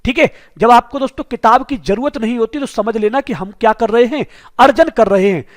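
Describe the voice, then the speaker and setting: A man's voice: extremely high pitch, a little fast. A man teaching an exam-prep lesson who keeps asking rhetorical questions and calling the viewers his friends.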